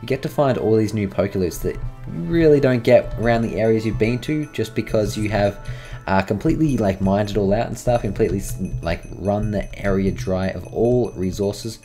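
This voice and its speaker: Man for let's-play commentary, a rambling chatterbox with a deep, warm tone over soft background music. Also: normal speed. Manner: chatty, rambling, talks to his game creatures. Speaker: gaming channel host.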